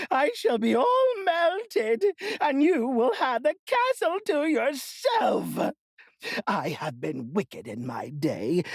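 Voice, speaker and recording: A woman reading a storybook aloud and voicing a cunning, wicked old witch with a shrill, drawn-out voice. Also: vocal fry, no room sound, heavily acted.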